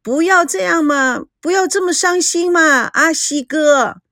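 A woman reads a tearful young woman in an audio story, her voice lifted high and dragged slow into a coy whine. The pleas come soft and sugary, a little distant from the mic, and the recording stays dry. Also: expressive, no echo, exaggerated voice. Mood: tearful pleading. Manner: coy, whiny, drawn-out pleading. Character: young woman crying and pleading sweetly.

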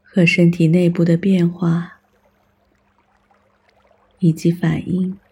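A meditation guide with a strongly breathy, husky voice. The delivery is very slow and soothing, leaving long pauses between short scripted instructions. The tone is mellow and calm throughout. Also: medium pitch.

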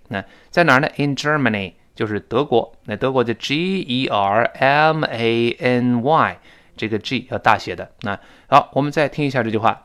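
A man's voice: mid-range voice, clear, resonant tone. A man teaching English in a recorded lesson, explaining phrases and drilling pronunciation, speaking. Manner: lively, repeats and drills phrases slowly.

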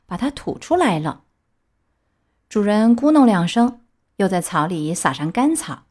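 A woman reading a children's storybook aloud with lively, expressive storytelling. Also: mid-range voice.

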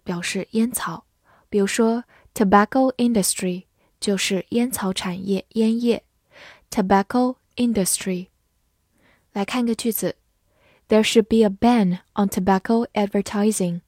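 A woman teaching English vocabulary in a scripted lesson. She spells words letter by letter and reads example sentences slowly. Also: medium pitch, darkish tone, no room sound, clean studio sound.

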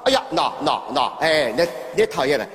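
A man playing a sly, sharp-tongued old grandmother from Shanghai with a Shanghai accent, who mocks and feigns confusion in a stage comedy sketch. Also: fairly high pitch, big pitch swings, normal speed. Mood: mocking. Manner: mocking, feigns confusion, teases. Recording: reverberant hall with audience and noise.

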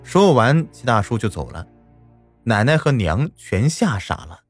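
A man narrating a first-person ghost story in a dramatic, lively way. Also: mid-range voice, a little slow, breathy edge, faint music behind.

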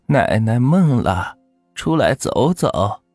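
A man voicing a gentle old grandmother, over 60, who speaks slowly and softly. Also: medium pitch, sing-song, no room sound, soft background music, voice pushed up. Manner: slow, soft, drawn-out speech.

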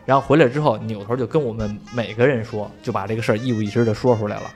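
Fast-talking man telling a story. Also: fairly low pitch, steady tone, soft background music. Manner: swears casually, laughs through the story. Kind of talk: casual storytelling chat.

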